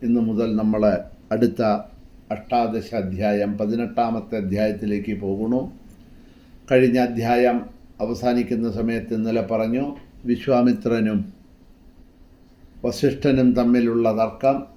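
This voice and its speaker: A man giving a devotional scripture discourse, chanting verses slowly and then explaining them in measured speech. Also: on the low side, fairly even intonation, mellow. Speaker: religious discourse speaker.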